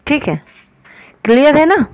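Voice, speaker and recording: A woman with an Indian accent teaching an online grammar lesson, often asking if things are clear and slowing down to spell out example sentences. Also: sits high, sing-song, a little mellow, low-quality recording. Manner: explains in Hindi, often asks if it is clear.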